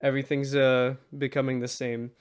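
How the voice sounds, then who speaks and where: A man co-hosting a podcast in casual chat, laid-back and quick to laugh as he retells a story. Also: mid-range voice, flat delivery, smooth. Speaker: podcast co-host.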